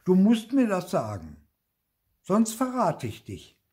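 An older man reading aloud, voicing an excitable, insistent little girl in a storybook. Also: measured pace. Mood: wondering. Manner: shrill, wide-eyed and insistent.

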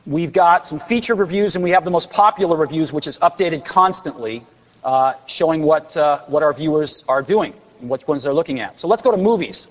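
Brisk and on the high side, a company executive in his forties gives an energetic product keynote on a large convention stage, adding dry, sarcastic asides. The recording is dull and lo-fi, with a long hall reverb.

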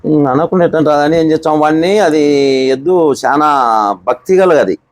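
A man, a bull owner and farmer, telling stories in an interview in a rapid rural way. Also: on the high side, a little mellow, dry recording. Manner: rapid rural storytelling, re-enacts quoted speech. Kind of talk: storytelling in an interview.

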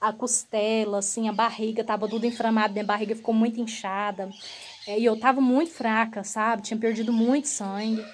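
Woman vlogger, slightly higher voice, earnest personal storytelling that keeps turning to the viewers. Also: fairly quick, slight background noise. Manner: earnest, emotional, often addresses viewers directly; relaxed, repetitive phrasing.

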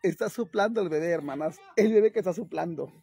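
A man's voice: high-pitched, quick pace, gravelly, dark tone, slightly rough, no echo, full character voice. Man playing a whiny young woman. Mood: fretful. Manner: whiny, sighing, keeps repeating "ay, hermanas". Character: crude, fretful young woman who thinks she's pregnant. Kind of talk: comedic vlog skit.

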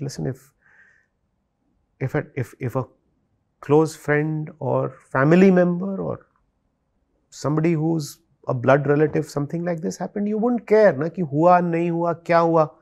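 A man's voice: fairly high pitch, creaky, a little mellow. A man in his fifties with an Indian English accent, a guest speaking earnestly and emotionally in a studio interview, slipping into Hindi now and then. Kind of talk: reflective interview conversation. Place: studio set with sofas.

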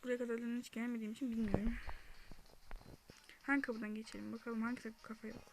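This gaming-channel commentary comes from a young woman narrating her own play, her slightly high voice fast and fairly flat in pitch. She frequently drops to a whisper and lets out yelps when chased, all against a noisy background.

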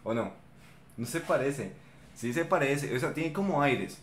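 Expressive and a little slow, a young Colombian-accented man with a mid-range voice gives casual reaction commentary on a video for his viewers, chatting and joking. He streams from his bedroom, close to a studio mic mounted on an arm in front of him.

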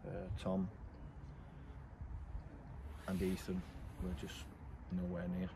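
Speaking low and monotone with some vocal fry, a middle-aged English football manager answers a post-match interview at night outdoors, where background noise is audible. He is blunt and measured, often pausing on "um."

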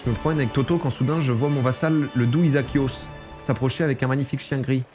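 A man's voice: medium pitch, fairly even intonation, fast, a little mellow, soft background music. Chatty man playing a strategy game. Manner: chatty, reads game text aloud, banters with characters. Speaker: gaming streamer. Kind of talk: casual let's-play commentary.

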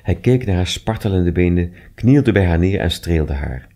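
A man reading short stories aloud with expressive, measured narration. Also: deep voice. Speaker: reader.

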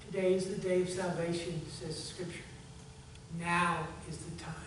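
A man preaching a sermon as pastor, telling a story in a conversational way and closing in soft prayer. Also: on the high side. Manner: conversational storytelling, earnest appeal, fading to hushed prayer. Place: church sanctuary. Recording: echoey church hall, far from mic, faint hum.

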